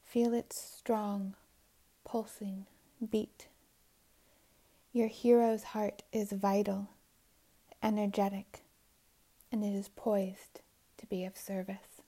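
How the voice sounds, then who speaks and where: Her tone stays level and her voice mid-range as a woman calmly leads a guided meditation. She takes her time, with long pauses and soft, breathy endings to each phrase.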